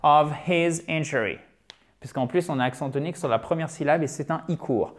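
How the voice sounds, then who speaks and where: A man teaching English in French, lively and chatty, repeating example sentences slowly to drill pronunciation. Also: fairly high pitch. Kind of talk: French-language English lesson.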